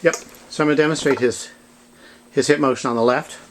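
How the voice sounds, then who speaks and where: A man working as a manual physical therapist, calmly explaining each step of a clinical demonstration in a treatment room and speaking gently to his patient. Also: mid-range voice, brisk, slight background noise, low-quality recording.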